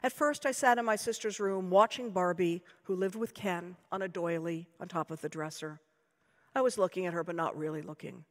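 An American woman author reading her own fiction aloud in a dry, measured, deadpan way. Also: fairly low pitch. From United States. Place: lecture hall. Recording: long hall reverb.

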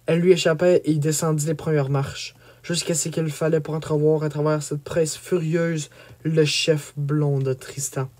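A man reading a chapter of a medieval romance aloud as an audiobook, with expressive storytelling. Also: fairly high pitch, normal speed. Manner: expressive, rising on action. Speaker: audiobook reader. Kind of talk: dramatic storybook narration.

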